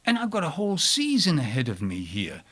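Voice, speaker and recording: A man telling a personal story live to an audience, with wide swings in pitch and loudness and chatty asides to the listeners. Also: huge pitch swings, a little fast. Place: storytelling event before an audience.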